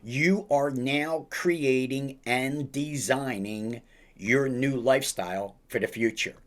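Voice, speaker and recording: A man hosting a podcast interview over a video call, speaking slowly and emphatically, with lots of encouraging praise. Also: medium pitch. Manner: slow, emphatic, upbeat delivery with drawn-out phrases; repeats praise like a mentor. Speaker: podcast host.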